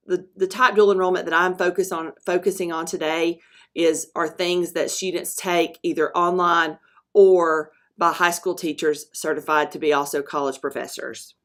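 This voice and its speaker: This is a woman narrating a screen recording as a school presenter. Her voice sits a little low for a woman, and she talks in a halting way, stopping for ums and fixing her own words as she goes. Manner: halting, with frequent ums and self-corrections. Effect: narration recorded over a screen recording. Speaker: school dual enrollment presenter.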